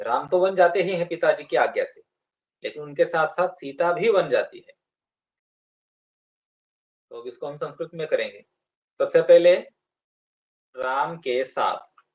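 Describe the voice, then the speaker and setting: A man teaching Sanskrit to children in a classroom, patiently spelling out words and sounds slowly. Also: on the high side, lively intonation, highs cut off. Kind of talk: classroom explanation.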